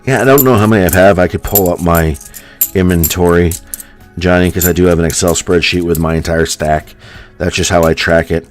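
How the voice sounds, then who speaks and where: An American man from the United States, a coin hunting streamer with a General American accent, chats casually and at length with a live audience, rambling and filling his talk with ums and likes. His voice is low, fairly even in intonation and a little fast, with soft background music.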